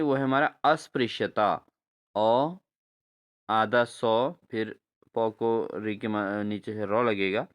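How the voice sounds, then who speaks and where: A man teaching a spelling lesson for exams, repeating each answer back to his viewers and spelling words out slowly syllable by syllable. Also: medium pitch. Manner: repeats answers as questions to viewers, addresses them as friends. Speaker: exam-prep teacher. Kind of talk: spelling lesson for exam prep.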